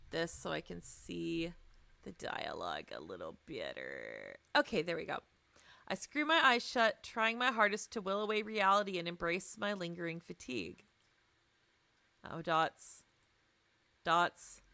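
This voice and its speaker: A woman livestreams a visual novel, moving between playful, chatty, self-deprecating asides and expressive read-aloud narration. Her voice is fairly low, a little slow and creaky, in a dry recording with game music playing behind her.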